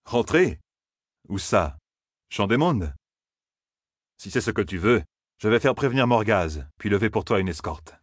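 A man voicing a hard but tender warrior king in an audiobook, gentle and teasing. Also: on the low side, sing-song, measured pace, long pauses, slightly rough, dry recording, clean studio sound, exaggerated voice. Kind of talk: audiobook character voice.

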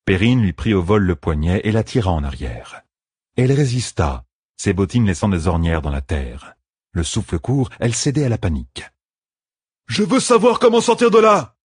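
Deep, very husky male narrator. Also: big pitch swings, normal speed, dark tone, no echo, clean studio sound. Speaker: audiobook narrator. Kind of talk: scripted fantasy narration.

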